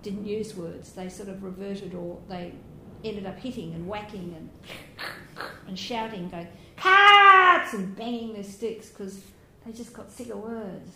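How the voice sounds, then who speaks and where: A woman's voice: medium pitch, fairly even intonation, a little slow, gravelly. Reflective woman teaching in an echoey room. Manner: gentle, reflective, with soft laughs and hesitations. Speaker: meditation teacher. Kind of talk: Buddhist dharma talk. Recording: roomy hall with faint background noise.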